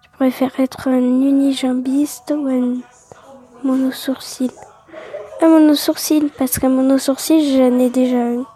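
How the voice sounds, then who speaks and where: A woman's voice: sits high, little pitch movement, measured pace, mellow. A woman hosting a casual gaming video, reading quiz questions aloud and answering them offhandedly, often half-whispering. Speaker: video host.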